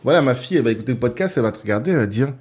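A man's voice: medium pitch, expressive, racing, a little mellow. A man hosting a podcast, musing aloud in a loose, talkative way. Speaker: podcast host. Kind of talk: casual podcast conversation.

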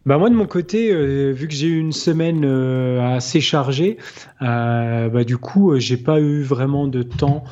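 A man's voice: mid-range voice, a little slow, dark tone. A man co-hosting a podcast in casual, conversational chat. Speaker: podcast co-host. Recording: dull lo-fi voice line.

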